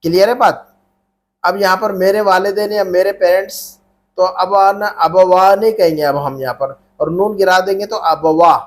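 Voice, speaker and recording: At a moderate pace and in a high, steady voice, a man teaches Arabic grammar to a class. He patiently poses the same questions again and draws answers from the students in a call-and-response drill.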